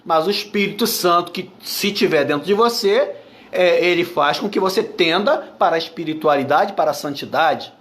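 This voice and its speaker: A man's voice: a little high, moderate pace, fairly bright tone. A man with a Brazilian Portuguese accent preaching a sermon as pastor, emphatic and repetitive, firing off rhetorical questions to the congregation.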